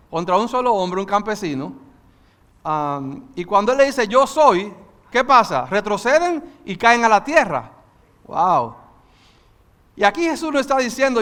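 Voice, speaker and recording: A man teaching a Bible study, talking fast and passionately and slipping English words into his sermon. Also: high-pitched, a bit bright, smooth, big-room sound. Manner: mixes English into Spanish. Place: church hall.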